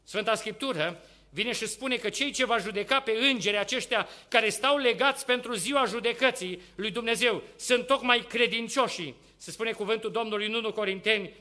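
A male preacher with a high, very bright and piercing voice delivers a sermon. He swings between loud, urgent exhortation and quiet, hushed asides. He keeps putting rhetorical questions to the congregation.

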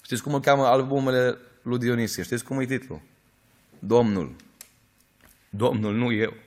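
A man preaching a sermon in an earnest storytelling way, rising at times to emphatic, louder peaks. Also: medium pitch.

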